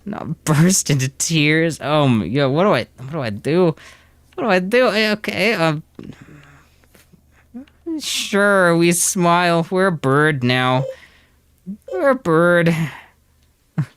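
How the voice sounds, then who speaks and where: A man reads a horror game's dialogue aloud on stream. His pitch swings widely, and he takes his time, laughing and stammering as he goes. The tone stays casual and amused. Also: slow pace, pauses often, clear, resonant tone, no echo. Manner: animated, laughing, stammering restarts. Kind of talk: playing and reading a horror game aloud.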